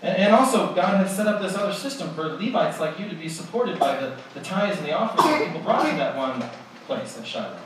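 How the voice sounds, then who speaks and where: A man's voice: sits high, sing-song, fast talker. A man preaching a sermon in a conversational way, posing rhetorical questions to his listeners. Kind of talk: expository sermon. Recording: echoey hall, distant mic, background noise.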